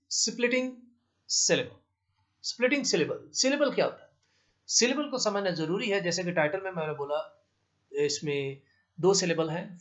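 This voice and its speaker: Man, English teacher, classroom lesson, patient, repeats terms, slightly high voice, muffled recording. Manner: explains slowly, repeats terms, switches to English examples. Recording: dull lo-fi recording.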